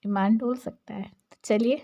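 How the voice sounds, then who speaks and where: A woman's voice: a little high, fairly even intonation, unhurried, warm tone. A young woman talking casually about reality show clips, chatty and gossipy, with many fillers. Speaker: entertainment vlogger.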